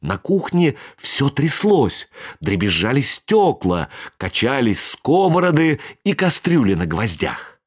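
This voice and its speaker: Slow, lively storybook narrator. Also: mid-range voice, slightly rough. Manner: expressive, dramatic reading. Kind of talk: storybook reading.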